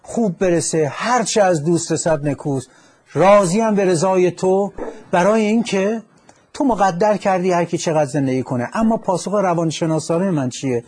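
A man who is a psychologist, calmly counseling a caller on a radio call-in show and quoting verse as he explains. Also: high-pitched. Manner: calm and instructive, quotes verse.

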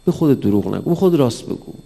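Male cleric lecturing a live audience, gravelly, animated, long hall reverb. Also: medium pitch. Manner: animated, acts out dialogues with raised voice. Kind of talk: religious lecture on mysticism.

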